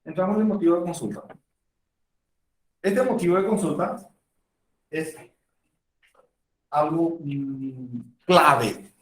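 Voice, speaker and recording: Male medical lecturer, chatty classroom delivery, slightly high voice, distant mic in a reverberant room. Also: slow pace, long pauses, fairly bright tone. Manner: conversational, acts out patient dialogues. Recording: echoey room, far from the mic.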